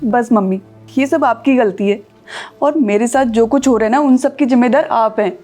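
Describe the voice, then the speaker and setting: A woman's voice: on the high side, moderate pace, warm tone, soft background music, lightly acted. A woman playing an upset married daughter who complains tearfully to her mother. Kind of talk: Hindi short film acting.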